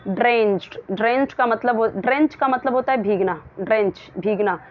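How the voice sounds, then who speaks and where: A woman teaching English. She explains each phrase in Hindi, repeats and rephrases, and reads the English sentences slowly, word by word. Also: a little high. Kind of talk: explaining a lesson. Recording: dull lo-fi sound.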